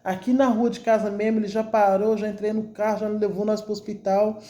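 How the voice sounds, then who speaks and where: With a warm, mid-range voice and level tone, a woman speaks a little fast as she tells her congregation her religious testimony. Her Brazilian Portuguese accent comes through, and her emotional storytelling is full of repeated words.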